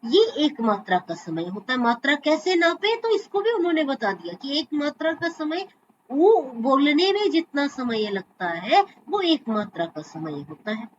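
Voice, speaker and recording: A woman's voice: high voice, very animated, unhurried, highs cut off, slight background noise. A woman teaching a Sanskrit class over a video call, explaining points and reciting verses while she carefully stretches sounds to show how to say them.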